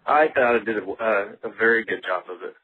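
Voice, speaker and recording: A man with a lowish, slightly breathy voice speaks at a quick pace. He's a contestant in a casual phone interview, answering questions about his experience in a plain-spoken, folksy way. The phone line is muffled, with background noise.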